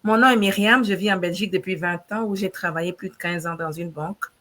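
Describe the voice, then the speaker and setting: A woman's voice: fairly low pitch, quick pace, pushed and bright. A woman introducing herself as a business owner on a live stream, hesitant, with many fillers. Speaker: panel guest, CEO of a digital business.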